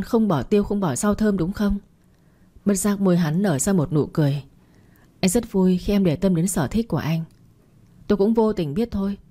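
A woman's voice: lowish voice, warm tone. A woman reading a romance story aloud, narrating and voicing every character's lines in her own voice.

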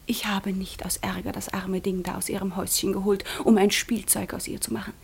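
A woman's voice: medium pitch, level tone, fairly quick, a little mellow. An actress playing a proud young woman fresh from a convent in a radio drama, often dropping into a tense whisper. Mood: hushed intense. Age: young adult. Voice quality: breathy. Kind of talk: studio radio drama acting.

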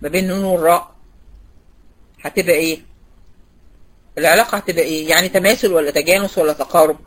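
Fast and fairly even in intonation, this woman's on-the-low-side voice carries an online recitation lecture. With an Egyptian Arabic accent, she questions students by name and repeats key points.

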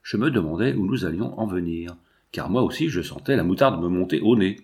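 A man reading a novel aloud as an audiobook, in steady, measured narration. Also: sits low. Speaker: audiobook reader. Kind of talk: literary narration.

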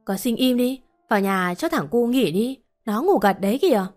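A woman's voice: fairly high pitch, lively intonation, normal speed, a little mellow, soft background music, natural voice. Woman reading as a domineering older mother-in-law, harsh and commanding, storybook reading.

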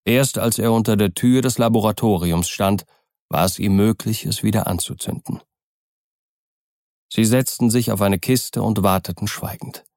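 A man reading a novel aloud as narrator, in a measured, steady way with a gravelly voice. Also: lowish voice, dry recording, studio quality. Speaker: audiobook narrator. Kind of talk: scripted narration.

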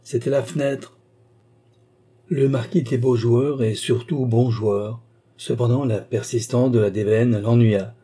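Dark husky male audiobook narrator. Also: medium pitch, steady tone, unhurried. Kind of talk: scripted narration.

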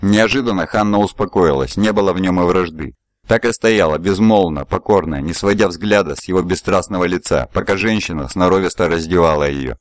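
A man narrating an audiobook in an even, measured reading voice. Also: low-pitched, no echo. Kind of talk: scripted narration.

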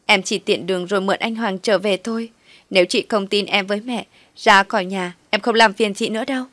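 A woman's voice: medium pitch, fairly even intonation, a little fast, a bit bright, dry recording, close to an everyday voice. A woman voicing a sly young woman who pleads in a whiny, crying voice. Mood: pleading.

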